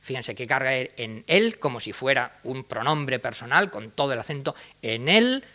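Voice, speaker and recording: A man's voice: medium pitch, normal speed, pushed and bright. A man giving an academic lecture, explaining step by step and speaking directly to his audience.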